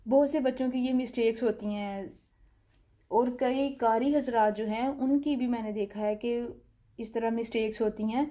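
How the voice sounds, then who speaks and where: A woman with a Pakistani Urdu accent teaching tajweed step by step. She draws out letter sounds slowly, then explains them calmly. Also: a little high. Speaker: Quran recitation teacher. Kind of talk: slow step-by-step tajweed lesson.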